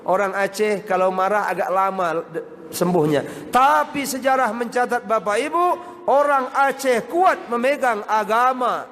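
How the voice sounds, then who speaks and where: An Indonesian Islamic preacher delivers a sermon in a high-pitched, slightly bright voice at a measured pace. He keeps addressing the crowd as Pak and Bapak Ibu, sir and madam. The recording carries hall reverb and faint noise.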